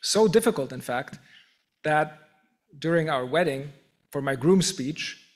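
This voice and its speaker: A middle-aged man with a German accent delivering a prepared acceptance speech as a professor, measured and self-deprecating, with occasional restarts. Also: fairly high pitch, lively intonation. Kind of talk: formal prepared speech with humor.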